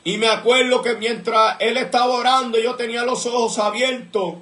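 A man's voice: extremely high pitch, steady tone, normal speed, a bit bright, reverberant. A man giving an earnest religious testimony, telling his story with repeated recollections and bursts of praise. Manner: fervent, breaks into praise mid-story. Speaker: church member giving testimony.

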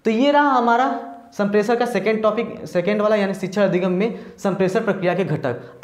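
Speaking in a mid-range voice with a darkish tone, a teacher gives a step-by-step, classroom-style lecture that was recorded in an echoey room. Points get repeated often, "ठीक" serves as a check-in before each move forward, and English terms mix in with Hindi ones.

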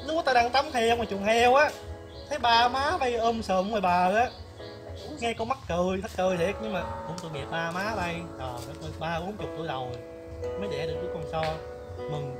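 A man's voice: high voice, fairly quick, close to an everyday voice. A man playing a chatty, nosy older village flower seller woman with a Southern Vietnamese accent, exclamatory and gossipy in a comedy skit. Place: outdoors in a palm garden. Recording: loud background music.

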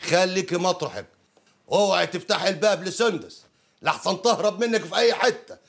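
An actor playing a kindly middle-aged uncle who calms his niece in a gravelly voice. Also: high voice, brisk.

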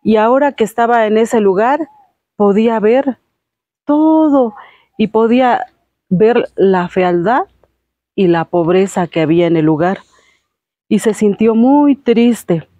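A woman's voice: medium pitch, lively intonation, slow, long pauses, mellow, dry recording, highs cut off. A woman, a show host retelling a fairy tale casually with lots of fillers. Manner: homely, filler-heavy retelling. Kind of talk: casual storytelling.

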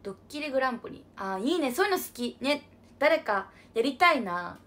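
A woman's voice: high-pitched, big pitch swings, fairly quick, fairly bright tone. A young woman hosting a casual livestream, bubbly and chatty as she reads out viewer comments. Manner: bubbly, refers to herself with an unusual cutesy pronoun. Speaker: livestream idol host.

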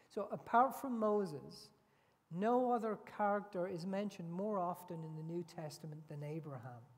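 Man, middle-aged, preacher, sermon, very slow and deliberate, rhetorical questions, long hall echo. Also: high voice. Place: large indoor church hall.

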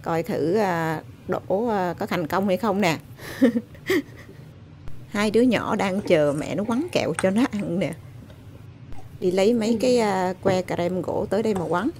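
Give me a woman narrating a casual vlog, filler-heavy, with a mellow, fry-tinged voice. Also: mid-range voice, measured pace. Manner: chatty, filler-heavy, exclaims at scenery. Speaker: vlogger. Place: outdoors in a snowy park, then at home.

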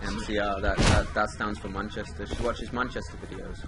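A man's voice: fairly low pitch, steady tone, a little fast, very noisy. A man bantering casually while playing a video game, rowdy and crude, often breaking into laughter. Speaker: gamer commentating with friends. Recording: loud music and game audio behind. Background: loud music and video game sound.

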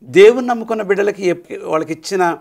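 Middle-aged male Bible teacher, slightly high voice, animated storyteller who drops in English phrases. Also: fast talker, vocal fry. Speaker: Bible study guest teacher. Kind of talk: Bible study discussion.

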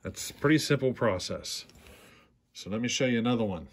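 A man's voice: medium pitch, animated, brisk. A man in a workshop demonstrating a chainsaw repair, talking plainly and unhurriedly, often asking "see how". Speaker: chainsaw repair channel host. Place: workshop bench.

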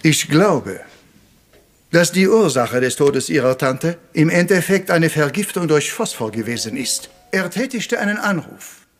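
Hercule Poirot, high-voiced, courteous detective. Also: male voice, expressive. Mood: dramatic, explanatory. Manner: courteous, deliberate, peppering speech with French words. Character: polite, theatrical little Belgian detective, patient and self-assured. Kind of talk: retro German crime radio play. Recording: music under the voice.

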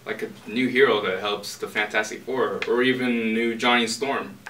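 A young man in an amateur student skit plays an indignant actor who argues his point. His voice is bright. It sounds recorded in an echoey room from a little way off, with faint noise. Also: on the low side, steady tone, normal speed. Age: young adult. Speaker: student actor playing an auditioning actor. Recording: roomy, distant, faint noise.

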